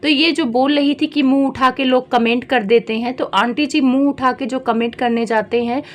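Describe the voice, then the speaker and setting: Woman, high-pitched, chatty, scolding commentary vlogger. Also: steady tone, normal speed. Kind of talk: reaction commentary vlog.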